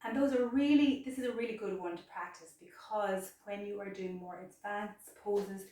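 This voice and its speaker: A woman's voice: medium pitch, moderate pace, warm tone. A woman teaching yoga poses in a chatty, instructive way, a little out of breath, recorded from a distance. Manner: chatty, instructive, repeats words for emphasis. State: slightly out of breath. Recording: very echoey room, mic far off.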